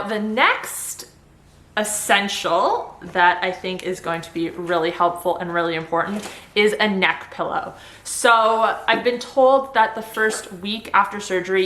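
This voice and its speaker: A woman's voice: on the low side, sharp tone. A woman vlogger chatting casually to camera in an informal, upbeat way. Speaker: vlogger sharing surgery recovery tips. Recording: roomy indoor echo.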